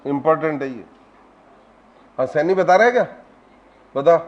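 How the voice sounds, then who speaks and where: A man's voice: a little high, expressive, normal speed, muffled recording. A man teaching a live online class, quizzing his students with repeated questions and addressing them fondly. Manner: coaxing, affectionate address to students.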